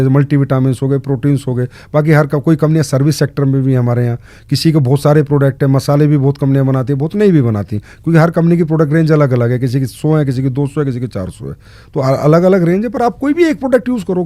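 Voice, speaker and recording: A man's voice: fairly high pitch, a little mellow, dry recording. A man answering interview questions in an earnest way, stressing points with short repeated commands. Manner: emphatic, lists short commands. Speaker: guest in direct selling.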